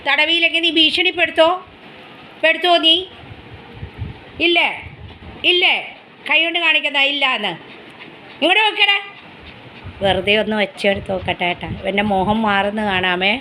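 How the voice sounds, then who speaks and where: A woman's voice: moderate pace, pauses often, a little hiss or hum. A woman filming a home vlog on her phone, talking in sing-song baby talk to her dog and chatting casually to viewers. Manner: high sing-song baby talk to the pet, then calm chat to viewers. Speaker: vlogger, dog owner. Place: home, near the kitchen. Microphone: phone camera.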